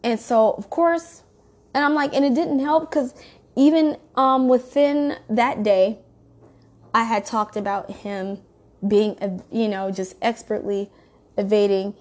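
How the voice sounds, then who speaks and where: A woman's voice: a little high, a little slow. A woman telling a story in a casual, rambling way, swearing freely. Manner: profane, rambling, animated storytelling.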